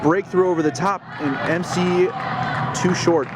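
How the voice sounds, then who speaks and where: A man's voice: high-pitched, unhurried, over a noisy crowd. A man giving amateur live play-by-play of a field sport, ending his sentences on an upward inflection. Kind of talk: live play-by-play commentary of an ultimate frisbee game. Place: outdoors beside a playing field. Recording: noisy outdoor recording with traffic ambience.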